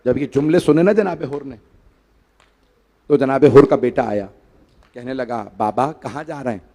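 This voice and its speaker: A man preaching a mourning sermon, swelling from hushed grief to loud pleading cries. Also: medium pitch, moderate pace, noisy background. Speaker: Shia preacher reciting a majlis. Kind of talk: mourning sermon, chanted recitation of tragedy.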